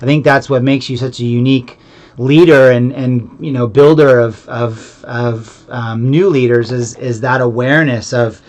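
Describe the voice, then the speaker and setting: A man's voice: medium pitch, steady tone, moderate pace. A man talking casually as an interviewer, affirming and reflective. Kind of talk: casual conversation.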